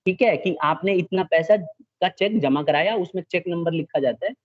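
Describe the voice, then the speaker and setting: A male teacher lecturing a class with a patient, step-by-step delivery, often stopping to make sure the students follow. His voice sits a little high for a man. The recording sounds dull and lo-fi. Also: moderate pace. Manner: patient, checks understanding often, mixes in English terms.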